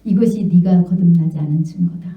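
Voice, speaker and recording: A woman's voice: fairly low pitch, fairly quick, lightly acted. A woman pastor voicing God as a stern, loving father who rebukes firmly in a sermon. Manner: firm, solemn rebuke. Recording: echoey hall, distant mic, dull sound.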